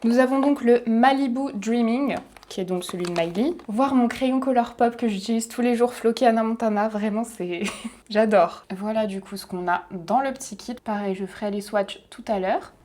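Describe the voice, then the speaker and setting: Excited young woman unboxing makeup. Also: a little high, normal speed. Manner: excited, chatty, giggly asides. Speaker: beauty vlogger.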